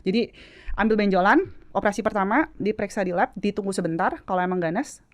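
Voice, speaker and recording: A woman's voice: medium pitch, fast. A woman in her late twenties, a guest telling her story in a casual, chatty way and slipping English words into her speech. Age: late 20s.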